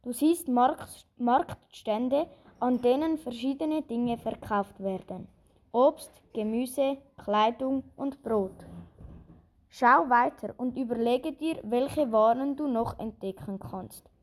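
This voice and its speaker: A woman narrating a guided imagery journey in a calm, soothing, deliberate way. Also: fairly high pitch. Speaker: narrator and host.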